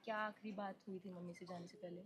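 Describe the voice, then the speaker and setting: A woman reporter conducts field interviews for the news. She asks probing questions at an even, ordinary pitch, pressing her interviewees for answers. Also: fast, husky.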